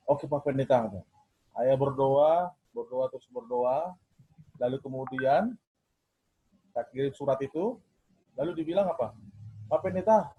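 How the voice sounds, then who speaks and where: Pastor telling a story on a dull video call. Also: male voice, medium pitch, husky. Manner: animated storyteller, acts out dialogue. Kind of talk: storytelling in an online youth meeting.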